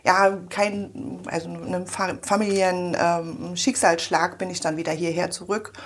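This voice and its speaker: A woman's voice: fairly low pitch, steady tone, normal speed, slight background noise. A woman in her forties from Berlin, chatting in an interview in a small office and rambling with many fillers. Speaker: guest. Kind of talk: casual interview chat.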